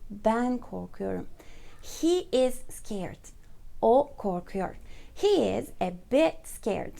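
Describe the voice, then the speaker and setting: Slow, gravelly woman reading a storybook aloud. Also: fairly high pitch, animated, dark tone. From Turkey. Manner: slow, repeats each phrase and translates it. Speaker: English teacher reading a children's book. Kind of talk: bilingual read-aloud lesson.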